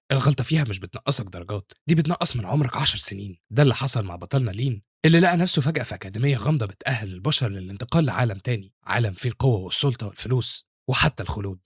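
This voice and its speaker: A man's voice: medium pitch, animated, racing, hardly any pauses, breathy edge, no echo, clean studio sound. A man with an Egyptian Arabic accent narrating a scripted manhwa recap as a dramatic storyteller.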